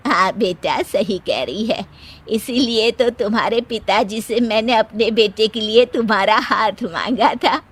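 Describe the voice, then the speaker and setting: A woman voicing an indulgent, gently teasing older mother-in-law in a family comedy story. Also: fairly high pitch, measured pace, slightly rough. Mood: approving.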